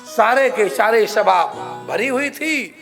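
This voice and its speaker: High, lively male religious preacher. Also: slow. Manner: repeats phrases for emphasis and quizzes listeners. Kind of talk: devotional scripture sermon. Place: ashram hall. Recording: clear music playing under the voice. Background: plucked string music.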